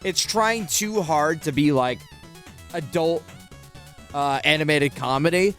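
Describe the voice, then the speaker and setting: A man's voice: fairly high pitch, slow, a bit bright, soft background music. A young man chatting casually while playing a video game, rambling and hesitant, with lots of fillers and swearing. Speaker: gaming streamer.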